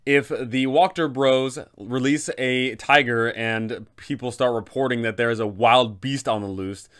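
A man in his thirties hosts a guide for game masters on a tabletop adventure, offering advice in an emphatic, methodical manner. His voice sits at medium pitch with fairly even intonation and a slightly slow pace. The tone is a bit bright, clear and resonant.

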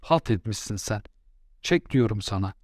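A furious neighbor woman yells her complaints up from below, acted by a man reading the story. The delivery is angry and the sound is close and dry. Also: fairly low pitch, expressive, normal speed, dry recording, natural voice. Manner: shouting angrily.

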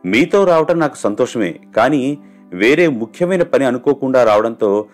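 Man playing a polite yacht club man, courteous, apologetic, higher voice, storybook. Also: animated, moderate pace, faint music behind, natural voice.

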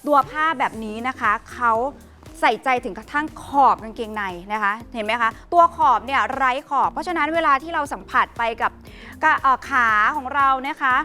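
A woman giving a fast, hype live home-shopping pitch in a polite, emphatic, persuasive way. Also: sharp tone, faint music behind.

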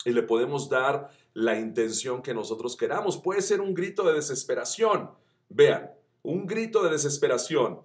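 A man teaching voice acting, chatty and encouraging, who demonstrates shouts that climb up the pitch scale. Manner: addresses viewers as friends, chatty and encouraging. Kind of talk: tutorial.

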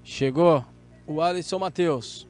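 A man's voice: on the high side, slow, darkish tone, faint music behind. A man with a Brazilian accent giving live play-by-play commentary on a football match.

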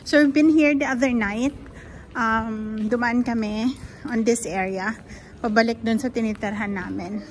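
A woman's voice: on the high side, fairly even intonation, moderate pace, slight background noise. A Filipino woman in her thirties narrating a casual walking vlog in English mixed with Tagalog, filmed on a phone outdoors. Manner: chatty, switches between English and Tagalog. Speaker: vlogger walking with her daughter. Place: old town streets outdoors at night and day. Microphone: phone camera held by the walker. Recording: music playing behind.

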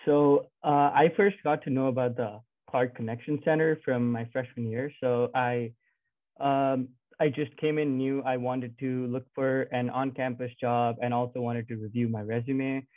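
A man's voice: mid-range voice, fairly even intonation, moderate pace, no room sound. A young man from Nepal, speaking as a student on a video call panel, friendly and casual with fillers. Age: young adult. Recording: dry, tinny phone-like video call audio.

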